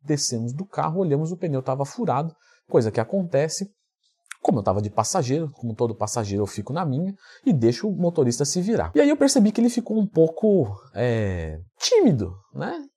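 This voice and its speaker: A man from Brazil, a fitness coach and YouTuber, telling a story in a vlog with lively acted-out dialogue. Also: fairly high pitch, brisk, husky. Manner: animated storyteller who acts out quoted dialogue.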